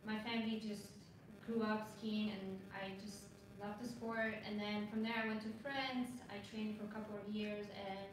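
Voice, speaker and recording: A woman from Lebanon answers panel questions in a chatty, halting way full of fillers. She is picked up from a distance in a big echoing space, with crowd ambience under her voice. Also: mid-range voice, little pitch movement. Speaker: panel guest, marathon runner. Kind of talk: casual panel talk. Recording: echoey, distant mic, noisy ambience.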